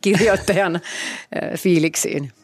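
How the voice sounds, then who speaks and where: A woman hosting a book-club podcast, chatty and quick to laugh as she prompts her guest. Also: lowish voice, faint music behind. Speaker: podcast host. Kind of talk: casual podcast chat.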